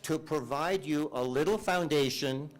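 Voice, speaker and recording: A man with an American accent, a native English speaker, giving a lecture in a halting, playful way and checking in with his listeners. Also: a little high, rough recording. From United States. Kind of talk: lecture with audience, switching between languages.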